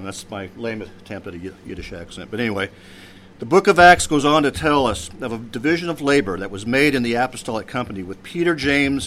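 Man preaching a measured sermon. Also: medium pitch, a bit bright, a little hiss or hum. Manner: measured preaching with pauses, voice drops at phrase ends. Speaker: priest.

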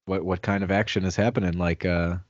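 A man co-hosting a casual movie podcast, easygoing and quick to laugh, on a video call. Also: sits low, fairly even intonation, no room sound, muffled recording. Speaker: podcast co-host. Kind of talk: casual chat.

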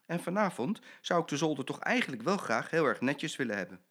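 A man's voice: a little high, big pitch swings, fairly quick, fairly bright tone, slightly rough, voice pushed up, heavily acted. An older man voicing a cheerful, joking father in a children's story he reads aloud. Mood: jovial.

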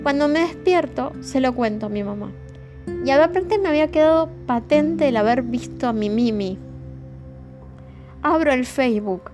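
A woman's voice: high voice, animated, normal speed. A woman podcast host with a Rioplatense Spanish accent, speaking in a heartfelt, emotional way and addressing her listeners directly. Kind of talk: reflective podcast monologue. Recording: music playing behind the voice.

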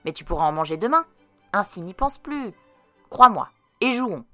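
A woman reading a storybook aloud and voicing a lively, excitable little boy. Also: mid-range voice, normal speed, no echo, faint music behind. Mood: cheerful.

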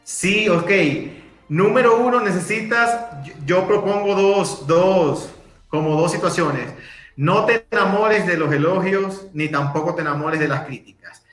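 A man speaking as a guest, giving a direct, emphatic motivational talk with lively examples. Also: high-pitched, unhurried, echoey room, soft background music.

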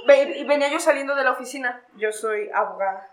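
A woman's voice: sits high, fast, over a noisy crowd, poor audio. A young Mexican woman with a Mexican Spanish accent, a podcast guest casually telling a story and acting out the voices of the people in it. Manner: animated, acts out quoted voices.

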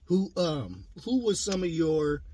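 A middle-aged man hosts a relaxed podcast interview, his voice sitting a bit high for a man. He asks his questions in easygoing street slang. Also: slow pace, slightly rough. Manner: laid-back slangy questioning. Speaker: podcast host. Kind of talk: casual interview.

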